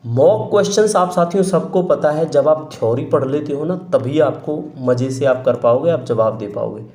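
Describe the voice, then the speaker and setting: A man's voice: a little high, moderate pace, darkish tone, echoey room. A man teaching an online exam-prep lesson, explaining step by step and asking the students questions he then answers himself. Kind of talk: online lecture.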